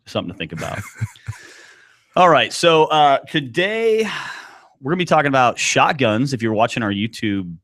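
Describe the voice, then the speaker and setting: A man's voice: mid-range voice, big pitch swings, normal speed, pauses often, fairly bright tone, no echo. A man hosting a casual show from a studio, teasing his co-hosts and laughing often. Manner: joking, teasing banter with frequent laughs. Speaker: podcast host. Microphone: studio mic with headphones.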